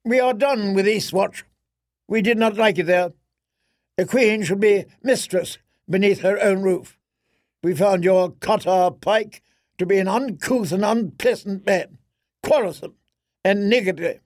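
A man's voice: sits high, unhurried, darkish tone, no room sound, studio quality, voice pushed up. A man voicing a cold, proud queen who speaks with royal disdain. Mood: disdainful. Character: haughty, cold, imperious middle-aged queen.

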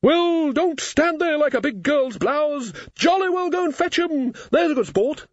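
Guy doing a bossy valkyrie lady, jolly and commanding, way up high, dull dry recording. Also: expressive, measured pace, dry recording. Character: bossy hearty female Valkyrie warrior.

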